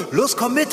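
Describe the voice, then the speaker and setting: A man's voice: high-pitched, echoey room, long reverb tail, full character voice. A man voicing a jolly, teasing ghost of Christmas present who laughs with hearty ho-hos.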